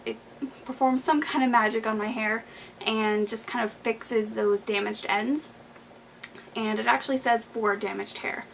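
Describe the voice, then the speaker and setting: A young woman with a somewhat high voice talks casually to camera in a home beauty vlog. She rambles, restarts and drops plenty of fillers, sounding a little out of breath. A faint hiss sits under the recording. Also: creaky, fairly bright tone, low-quality recording. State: slightly out of breath. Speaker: beauty vlogger. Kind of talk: casual monthly favorites vlog.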